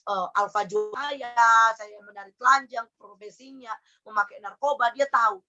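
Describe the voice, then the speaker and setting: A young woman tells her personal testimony earnestly, her voice sitting a little high. She speaks in a plain, heartfelt way and often pauses on small fillers while she gathers her words. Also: pushed and bright, lo-fi sound, faint music behind. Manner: earnest storytelling with many fillers.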